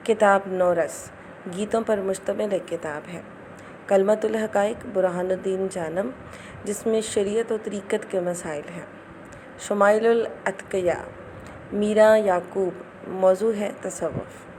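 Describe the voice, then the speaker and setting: A woman reading out literary facts as study notes in a steady recitation. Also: medium pitch, a little hiss or hum.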